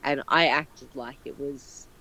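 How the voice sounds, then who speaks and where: A woman chatting casually with her partner, telling a lively holiday story and laughing often. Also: extremely low pitch, slow, poor audio. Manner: loud, self-described as not quiet. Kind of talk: casual chat.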